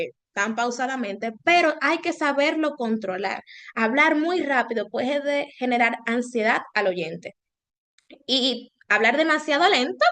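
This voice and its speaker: High-voiced woman presenting a webinar. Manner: expressive, varies loudness and intonation on purpose. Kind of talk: online webinar talk.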